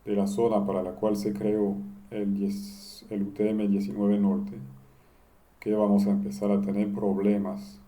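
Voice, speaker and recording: A man teaches a screen-recorded software lesson. His voice sits fairly low and sounds soft and mellow. He explains each step and often asks a question before answering it himself. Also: monotone, measured pace. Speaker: instructor.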